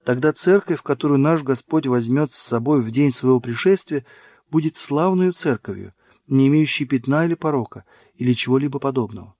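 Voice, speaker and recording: A man narrating a religious book in a measured, solemn reading. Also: mid-range voice, lively intonation, a little mellow, no room sound, studio quality. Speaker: audiobook narrator.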